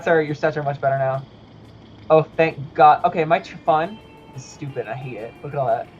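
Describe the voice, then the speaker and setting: A man's voice: on the high side, brisk. A man playing a video game with friends on a stream, reading game text aloud, swearing and laughing often. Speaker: gamer. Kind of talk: casual game stream chat. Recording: muffled lo-fi stream audio, faint music.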